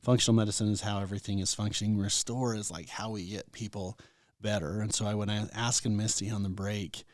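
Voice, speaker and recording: A man's voice: fairly low pitch, level tone, quick pace, no room sound, studio quality. An American man hosting a health talk radio show as a doctor, speaking in a folksy, informal way straight to listeners.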